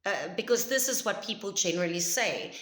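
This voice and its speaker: An Afrikaans-speaking South African woman vlogs a personal story in an animated, brisk rush. She's loud and emphatic yet chatty, with a medium-pitched voice echoing off reverberant surroundings.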